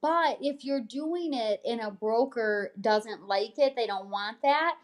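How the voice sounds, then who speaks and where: Reading news items from a newsletter, a realtor co-host with a fairly high voice talks slowly and chats casually about each one, keeping it upbeat and informal.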